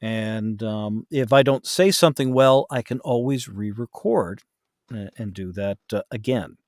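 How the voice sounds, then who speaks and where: This man's voice is lowish and a little mellow, with a measured pace. He's a voice actor and audiobook narrator appearing as a guest on a podcast, explaining things hesitantly and correcting himself in a casual interview. The recording is dry, with clean studio sound.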